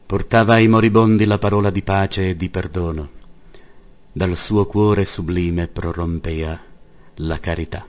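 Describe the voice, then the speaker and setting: A man's voice: low voice, darkish tone. A man narrating an old-fashioned tale in a solemn, declamatory reading style. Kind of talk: solemn scripted story narration.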